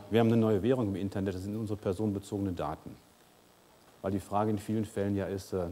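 A man in his fifties gives a conference keynote in a large lecture hall, conversational and peppered with "uh" fillers, gesturing and moving about the stage. His deep voice is warm. A lapel mic picks him up, with long hall reverb and a little hiss or hum.

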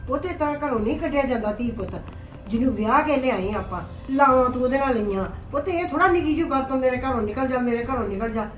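A woman's voice: high-pitched, quick pace, lightly acted. A woman with a Punjabi accent playing a patient middle-aged mother who soothingly advises her angry son. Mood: lecturing. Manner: soothing, pleading advice. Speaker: mother of the husband. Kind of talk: family drama acting. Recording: roomy sound from a distance, faint music.

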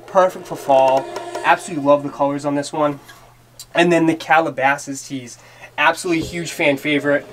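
Filmed up close by a camera on a tripod inside a small bedroom closet, a Massachusetts man in his thirties with a Boston accent shows off his clothes as a fashion vlogger. He's gushing, enthusiastic and heavy on fillers. His voice is a little high, with some hiss or hum and background music beneath it.

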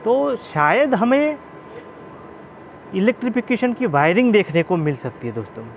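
A man's voice: high-pitched, very animated, moderate pace, muffled recording. Chatty man vlogging from a train. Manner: chatty, often addresses viewers as friends. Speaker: railway travel vlogger. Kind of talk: casual vlog narration. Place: on a moving train and at a station. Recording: faint vehicle noise.

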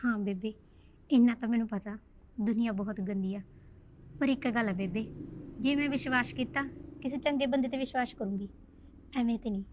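A woman's voice: fairly high pitch, fairly quick, pauses often, background noise, lightly acted. A young woman playing a coaxing lovestruck girl. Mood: reassuring. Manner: playful, coaxing, talks to herself. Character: young schoolgirl secretly in love, coaxing. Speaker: daughter. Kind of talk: village family drama acting.

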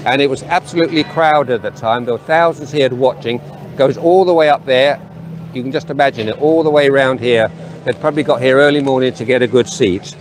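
A man's voice: mid-range voice, fairly quick, a little hiss or hum. An older man giving an earnest, solemn address to camera in an open town square, reading names from a sheet. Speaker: street preacher. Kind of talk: outdoor video address. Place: sunny town square outdoors. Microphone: camera at a few metres.

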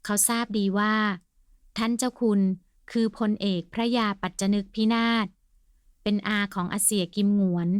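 Woman narrating an audiobook, polite and steady. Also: mid-range voice, moderate pace, clean tone, no echo, studio quality.

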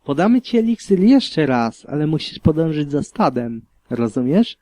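A man's voice: medium pitch, a little slow, mellow, no room sound, natural voice. A man voicing a stern pegasus mare who leads the herd and speaks firmly and insistently, in an audiobook reading. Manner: firm, insistent.

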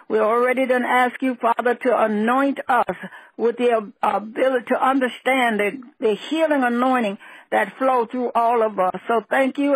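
Prayer-line leader, husky, dry phone sound, steady spoken prayer. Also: medium pitch, no room sound, rough recording. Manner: steady praying, repeated hallelujahs.

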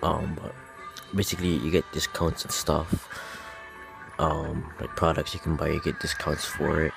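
A man talks casually into a phone held right at his face, in a very low voice with a gravelly edge. He pauses often with ums and restarts his sentences. Music plays clearly behind him in a small room. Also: little pitch movement. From Hawaii. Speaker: vlogger. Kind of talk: casual chat to camera. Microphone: phone held close to the face.

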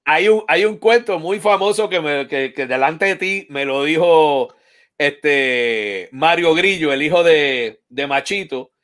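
A man hosts a relaxed conversation, his voice sitting a little high for a man. He talks in a lively way and keeps dropping playful asides into his stories. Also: slow pace. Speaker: host. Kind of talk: casual online interview.

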